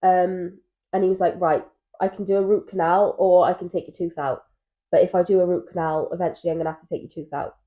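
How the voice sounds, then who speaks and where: A young woman in her twenties co-hosting a couples podcast, chatting casually and telling stories with animated asides. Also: fairly low pitch, fast. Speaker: podcast co-host. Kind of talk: casual chat. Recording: dull lo-fi mic sound.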